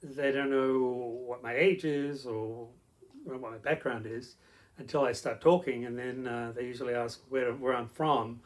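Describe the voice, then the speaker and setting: Man, Australian accent, middle-aged, casual storytelling, plenty of ums and uhs, mid pitch. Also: fairly even intonation, a little slow. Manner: rambling, with many fillers and short laughs. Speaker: interview guest.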